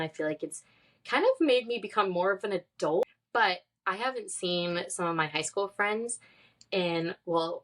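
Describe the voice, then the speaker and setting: A young woman in her twenties from California, hosting a casual solo podcast, chatty and upbeat with a few laughs. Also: lowish voice. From San Diego, California. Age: 20s. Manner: chatty and upbeat, laughs often, says "like" and "literally". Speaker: podcast host.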